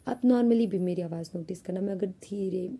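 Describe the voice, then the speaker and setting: A young woman chatting casually to her vlog viewers, with a naturally husky, slightly rough voice. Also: on the low side, fairly quick, warm tone. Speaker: vlogger.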